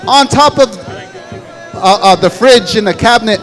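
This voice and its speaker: High-pitched man giving an earnest speech. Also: normal speed, a bit bright, some chatter behind. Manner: earnest, conversational. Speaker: fancy dancer addressing young men at a powwow. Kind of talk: motivational public speech with personal storytelling.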